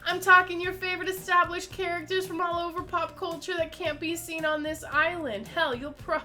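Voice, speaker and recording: A woman's voice: very high voice, steady tone, fairly quick, sharp tone, faint music behind, pitched above the performer's own voice. A woman reading the lines of a cocky male pop-star killer, boastful and full of slang. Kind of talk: dramatic game dialogue reading.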